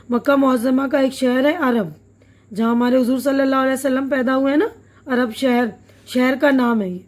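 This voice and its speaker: Going word by word through a textbook chapter, this woman teacher offers simple glosses and asks questions to check understanding. Her voice is high and a little mellow, and her manner patient.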